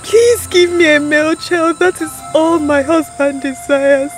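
A woman's voice: high voice, normal speed, faint music behind, close to an everyday voice. A woman playing an anxious, humble queen in a film drama, plaintive and pleading, with a Nigerian accent.

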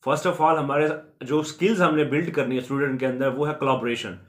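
A man's voice: medium pitch, steady tone, a little fast. A man from Pakistan hosting an education channel, earnestly explaining to viewers in a repetitive way and mixing in many English terms. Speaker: YouTube education channel host.

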